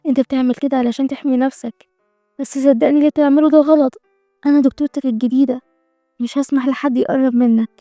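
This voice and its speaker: Gentle young woman doctor with an Egyptian accent, soothing and warm-toned, as a woman narrator puts her on. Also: high voice, fairly even intonation, quick pace, dry recording, clean studio sound, soft background music, lightly acted. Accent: Egyptian Arabic. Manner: soothing, reassuring.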